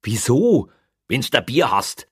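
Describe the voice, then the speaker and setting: A man playing a lazy village policeman, curt and dismissive, his voice a little raised and husky. The recording is dry. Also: mid-range voice, brisk, fairly bright tone, no echo, pitched above the performer's own voice. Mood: coaxing. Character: gruff, lazy small-town male police officer.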